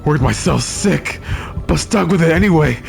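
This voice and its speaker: A man's voice: mid-range voice, measured pace, natural voice. A man doing a ranting, cursing middle-aged man. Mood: enraged. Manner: yelling, cursing and bitter. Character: exhausted, furious middle-aged man, unhinged with rage.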